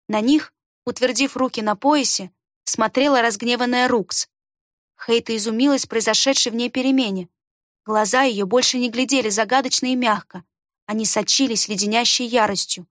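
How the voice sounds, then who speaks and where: A woman narrating an audiobook in an expressive, even reading. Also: fairly high pitch, normal speed, no room sound, clean studio sound.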